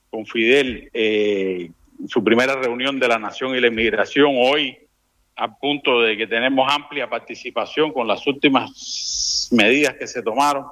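A middle-aged man from Cuba, speaking as an interview guest in a halting way, full of restarts and fillers. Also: medium pitch, sharp tone. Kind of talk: conversational interview.

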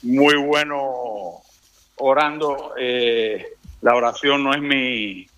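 Bright-voiced halting man. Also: mid-range voice. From Cuba. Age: middle-aged. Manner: halting, many restarts and fillers. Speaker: interview guest. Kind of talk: conversational interview.

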